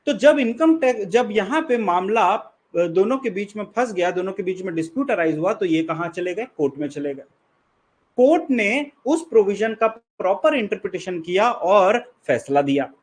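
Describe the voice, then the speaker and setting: A young Indian man giving a law lecture in Hindi mixed with English terms. He asks questions and answers them himself, and he slows down to read definitions aloud. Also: sits high, lively intonation. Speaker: law teacher. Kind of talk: classroom lecture.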